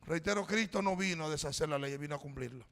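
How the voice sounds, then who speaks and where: A man's voice: a little high, fast, a bit bright. A middle-aged man preaching a sermon as a pastor, telling a personal story in a conversational way and calling the congregation brothers. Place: church. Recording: reverberant church hall.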